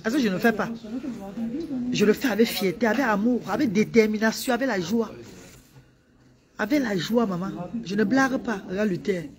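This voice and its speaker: A woman's voice: medium pitch, moderate pace, pauses often. Woman live-streaming to viewers, insistent tone, crowd noise behind. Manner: reads out viewers' greetings, defensive and insistent. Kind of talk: casual live-stream chat.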